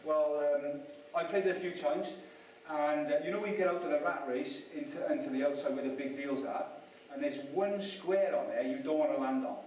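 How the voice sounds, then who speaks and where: An adult man from Wales delivers a motivational talk at a property event, chatty and self-mocking, and puts questions to the audience. His voice is on the high side and a little mellow, at a moderate pace with hardly any pauses. It is picked up by a distant mic in a very echoey room, with a bit of hiss or hum.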